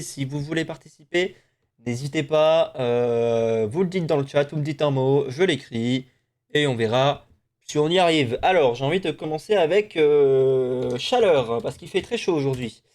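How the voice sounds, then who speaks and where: A young man from the French Basque Country chatting casually as a stream host, talking to his co-host while he plays and swearing often. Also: a little high. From Basque Country, France. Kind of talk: casual live-stream chat.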